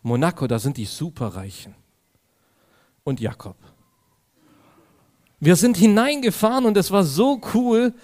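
A man's voice: high voice, measured pace, pauses often. A man preaching a sermon, telling a personal anecdote to his audience and acting out the dialogue in it. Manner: animated storytelling, acts out dialogue; addresses audience directly.

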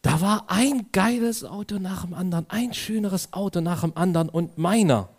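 Man preaching a lively personal story. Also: high voice, moderate pace. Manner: animated storytelling, acts out dialogue; addresses audience directly. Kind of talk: sermon with personal anecdote.

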